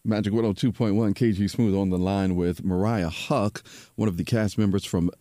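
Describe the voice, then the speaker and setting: A man hosting a radio interview in a smooth, laid-back, quiet late-night voice, chatting casually. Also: on the low side, fairly even intonation, normal speed, no echo, studio quality. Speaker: radio host.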